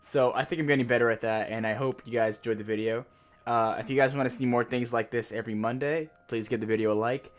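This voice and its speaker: A man's voice: mid-range voice, fairly even intonation, fast. A man speaking casually to his viewers as the host of a video channel.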